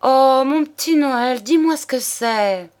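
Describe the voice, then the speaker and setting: A woman's voice: high voice, slow pace, voice pushed up. Juliette, a wilful young mistress, voiced by a woman. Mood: coaxing. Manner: coaxing, then sharp and threatening.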